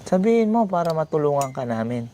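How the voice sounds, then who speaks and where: A man hosting a vlog, gently asking question after question. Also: fairly high pitch, big pitch swings, fast talker. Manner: gentle, repetitive coaxing questions. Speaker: vlogger host. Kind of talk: casual vlog chat, coaxing questions. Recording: noisy background.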